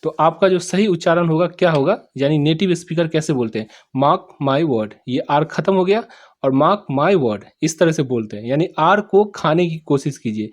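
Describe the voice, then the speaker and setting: Man, English teacher, fairly high voice, explains in Hindi, sounds out words letter by letter, asks if you understood. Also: animated. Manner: repeats each sentence slowly, checks "samajh mein aa gaya?".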